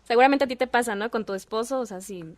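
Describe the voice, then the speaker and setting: A woman, a podcast guest and mother, telling animated stories and acting out quoted dialogue. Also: fairly high pitch, quick pace. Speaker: guest, voice-over artist and mother. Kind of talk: casual podcast chat.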